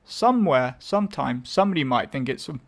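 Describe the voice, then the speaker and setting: Here a young man from England hosts a casual solo music show as a podcast, rambling as he introduces songs. His mid-range voice is animated and brisk. He corrects himself as he goes, tossing in wry asides.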